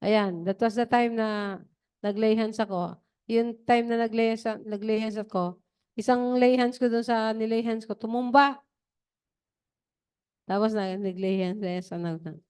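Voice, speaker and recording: Smooth-voiced woman preacher. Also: on the high side, fairly even intonation, unhurried, pauses often, darkish tone. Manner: digressive, chatty storytelling. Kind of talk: testimony during an online worship service.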